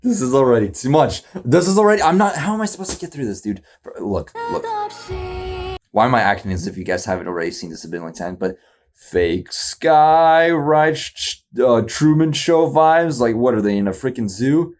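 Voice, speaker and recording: A man in casual reaction commentary, rambling and slangy, excitable and poking fun at himself. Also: mid-range voice, brisk. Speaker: YouTube reactor.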